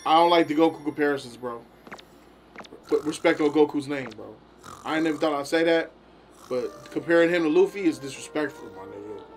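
A man's voice: on the high side, a little fast, soft background music. A young man reacting to an anime with friends, crude and joking. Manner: crude, joking, laid-back. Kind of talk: casual reaction chat. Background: anime audio playing.

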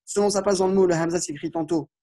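A man teaching an Arabic lesson, patiently walking through exercises and slowly spelling out Arabic words. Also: high voice, fairly even intonation, dark tone. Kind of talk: classroom lesson explaining exercises.

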